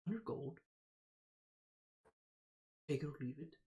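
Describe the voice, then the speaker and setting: Hushed, scheming male inventor for a tabletop game, gruff and secretive, as a game master puts him on. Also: expressive, slow. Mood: curt. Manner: low, hushed and conspiratorial.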